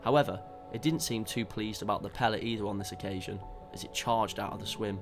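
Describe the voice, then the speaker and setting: A man calmly narrating a fishing trip in a measured, scripted voice-over. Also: lowish voice. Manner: calm, measured storytelling. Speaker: fishing vlogger. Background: background music.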